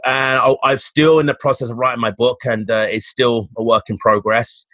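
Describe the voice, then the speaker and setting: A man's steady, slightly bright mid-range voice comes through at normal speed with no room sound. He's a fitness coach from London's East End with a Cockney accent, appearing as a podcast guest. His casual interview talk is upbeat and motivational, and he tends to restart sentences.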